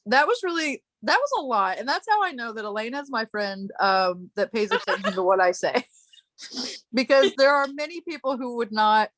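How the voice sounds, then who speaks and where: A woman's voice: on the high side, lively intonation, moderate pace, a bit bright, no echo. A woman hosting a casual chat, telling a long story in a rambling way, breaking off and laughing often. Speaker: podcast host.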